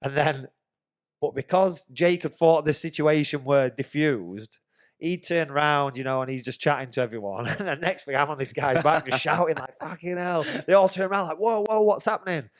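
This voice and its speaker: A slightly high male voice at a moderate pace belongs to a podcast host telling a swear-heavy story with lots of animation. The chat is casual, and the studio-quality recording has no room sound.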